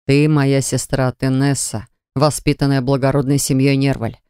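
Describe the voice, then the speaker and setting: A stern male dragon, low and measured, spelling out each word with quiet authority, as a woman reader puts him on. The voice sits lower than the narration and sounds dry and close. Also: level tone, clear, resonant tone, no echo. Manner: slow, measured and commanding. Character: stern male dragon, the calm elder brother.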